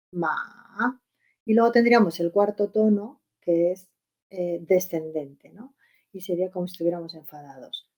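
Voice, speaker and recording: A woman gives an online language lesson through a computer mic. Her voice sits slightly low, and her explanations run on in a friendly, unhurried rhythm full of fillers and rhetorical questions. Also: dark tone. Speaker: Chinese language teacher. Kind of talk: webinar lesson.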